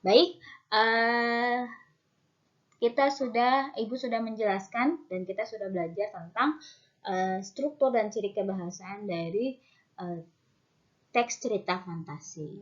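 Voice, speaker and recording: Woman teacher, mid pitch, patient explainer who repeats terms, slightly muffled recording. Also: measured pace, pauses often. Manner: patient, repeats key terms, many fillers. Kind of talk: online lesson explaining to students.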